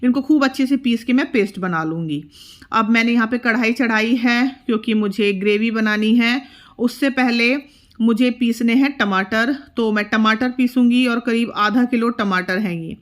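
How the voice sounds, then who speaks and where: Woman vlogger, middle-aged, fairly high voice, homey step-by-step cooking narration. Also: normal speed. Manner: chatty, step-by-step explaining while cooking. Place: home kitchen.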